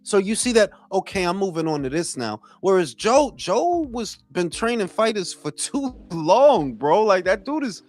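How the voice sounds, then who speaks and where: A man's voice: sits high, big pitch swings, moderate pace, few pauses, soft background music. A man leading a casual boxing discussion in a slangy way, repeating phrases for emphasis. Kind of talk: casual chat.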